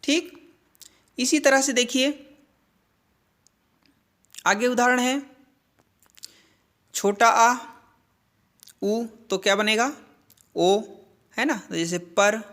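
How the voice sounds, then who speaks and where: A man's voice: very high voice, extremely slow, pauses often, bright, forceful tone. A man teaching grammar in a video lesson, who asks a question and then answers it himself. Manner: repeats questions and answers them, frequent "ठीक है". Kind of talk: slow classroom-style explanation.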